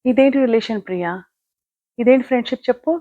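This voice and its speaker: A woman's voice: on the high side, fast talker, no echo, voice pushed up, lightly acted. A woman playing a caring older sister who lectures her younger sister with firm moral advice. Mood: lecturing. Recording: dull lo-fi, dry.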